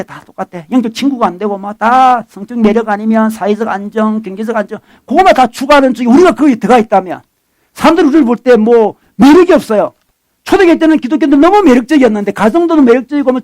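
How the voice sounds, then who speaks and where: A man with a Gyeongsang accent preaching in a church. His voice sits high for a man and his delivery is quick. He talks to the congregation conversationally and keeps acting out quoted voices with a chuckle. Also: a little mellow. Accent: Gyeongsang (Masan). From South Korea. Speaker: pastor. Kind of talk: sermon.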